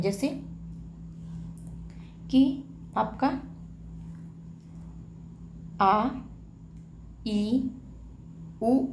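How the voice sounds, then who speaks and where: A woman teaching grammar in a slow classroom way, asking questions and then answering them herself, and repeating key terms. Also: a little high, warm tone. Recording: echoey room with faint hiss.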